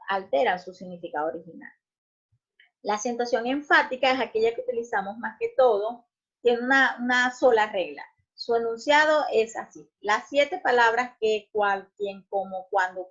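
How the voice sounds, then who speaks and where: A woman teacher explaining grammar, checking in often with short questions and filling pauses with "este". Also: fairly high pitch. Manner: explanatory, checks in with "¿ok?" and "¿verdad?", frequent restarts and "este" fillers. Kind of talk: recorded grammar lesson. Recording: muffled lo-fi recording.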